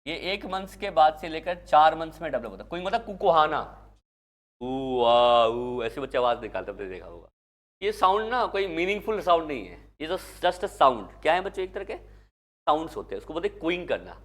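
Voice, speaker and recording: A man's voice: a little high, sing-song, brisk, fairly bright tone. Hindi-speaking male teacher lecturing to a class. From India. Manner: asks the class questions and answers them himself; mixes English terms into Hindi. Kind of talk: exam-prep lecture.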